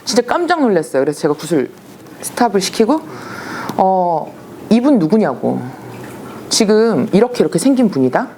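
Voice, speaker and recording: A woman, a shaman, telling stories in a casual, animated way and acting out the voices she quotes. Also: mid-range voice, moderate pace, slight background noise. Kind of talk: casual storytelling.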